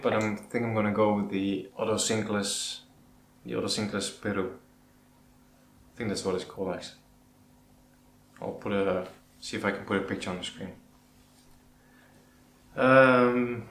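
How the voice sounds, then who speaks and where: With a fairly low, slightly bright voice, this Dutch-accented man from the Netherlands fields questions as a channel host, casual and a bit hesitant. Echo from the room and background noise are audible.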